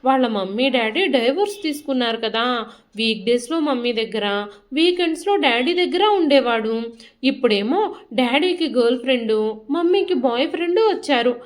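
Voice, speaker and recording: A woman's voice: high voice, expressive, normal speed. A woman voicing a young boy, a grandson who sounds anxious and pleads in a childlike way, in a storybook reading. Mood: tearful.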